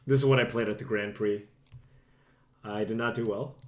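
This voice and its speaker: A man's voice: lowish voice, fairly even intonation, moderate pace. A young man chats casually to his viewers while live-streaming a card game from a room at home. He is a little sick and his voice is starting to go. His talk is loose, self-deprecating and aimed straight at his chat. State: slightly sick, losing voice.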